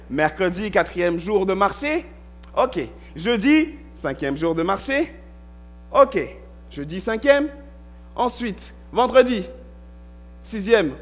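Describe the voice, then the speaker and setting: This high-sitting male voice belongs to a pastor preaching in church; he stresses and lengthens important words, now and then climbing to a shout.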